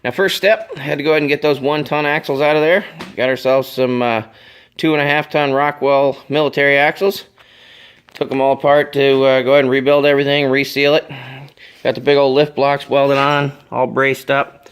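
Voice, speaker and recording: A laid-back man talks a viewer around a project, his voice worn hoarse from a cold. His delivery rambles along with plenty of "uh" and "you know". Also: medium pitch, flat delivery, a little fast. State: has a cold, voice going hoarse. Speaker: vlogger. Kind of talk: casual walkaround vlog.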